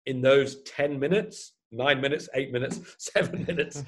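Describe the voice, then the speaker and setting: A man's voice: medium pitch, normal speed, fairly bright tone, slight background noise. Brief: man in his fifties, ultra runner guest, chatty and self-deprecating, mid-range voice. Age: 50s. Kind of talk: casual chat.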